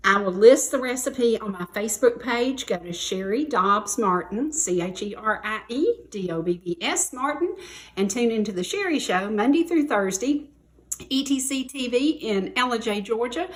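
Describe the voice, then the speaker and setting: A woman's voice: on the high side, animated, normal speed, echoey room. A woman in her seventies with a Southern US accent, hosting a cooking segment on a local TV talk show in a folksy, chatty, playful way. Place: TV studio kitchen set.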